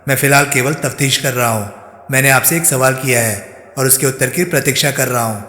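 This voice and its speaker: A stern, persistent police inspector, read by a man, pressing each question firmly. The tone is bright and forceful, with a long reverberant tail around it. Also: medium pitch, brisk, close to an everyday voice. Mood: probing. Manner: firm, pointed questioning.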